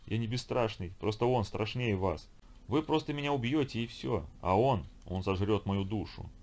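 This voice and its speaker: A man voicing a tortured yacht captain in an audiobook, halting and pleading. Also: on the low side, expressive, darkish tone. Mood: terrified. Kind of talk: audiobook character voice.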